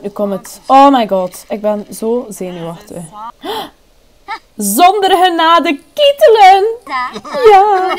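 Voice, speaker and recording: A woman with a Flemish accent giving chatty, excitable commentary while playing a life-sim game, with frequent exclamations. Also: fairly high pitch. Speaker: gaming YouTuber. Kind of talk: casual let's-play commentary.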